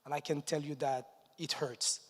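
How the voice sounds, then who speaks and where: A man from Morocco, giving an energetic stage presentation at a conference and chuckling between points. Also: a little high, moderate pace, breathy edge. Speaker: conference speaker. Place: large conference hall stage. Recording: long reverb of a large hall.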